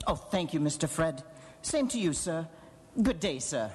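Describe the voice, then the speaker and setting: Timid deferential clerk, animated pitch, apologetic, radio play, echoing hall. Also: male voice, measured pace, husky, exaggerated voice. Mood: grateful. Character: meek, deferential, good-hearted male office clerk. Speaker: stage radio actor. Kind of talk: live radio drama, theatrical. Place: performing arts center stage. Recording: echoey theater hall, live radio broadcast.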